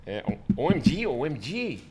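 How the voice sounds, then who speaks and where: Lively man explaining English phrases. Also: on the high side, normal speed, slight background noise. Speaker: guest.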